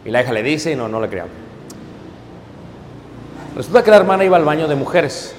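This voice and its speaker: Emphatic preacher in a reverberant hall. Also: male voice, on the high side, animated, brisk, a little hiss or hum. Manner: storytelling, addresses congregation as brothers, frequent "¿ok?"; swings between hushed asides and loud emphatic peaks. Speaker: pastor. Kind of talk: sermon.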